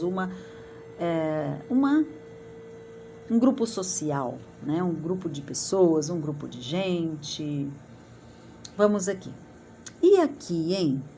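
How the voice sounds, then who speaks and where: A middle-aged woman with a Brazilian Portuguese accent, teaching a spelling lesson to children and drawing words out slowly, one at a time. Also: fairly low pitch, a little mellow, slight background noise. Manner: slow, drawn-out word-by-word enunciation.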